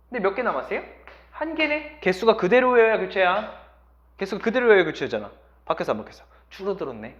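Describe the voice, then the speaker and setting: A man's voice: sits high, dull audio. A man teaching a language lesson who keeps quizzing his students as he explains. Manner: lively, constantly quizzing students. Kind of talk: classroom lecture.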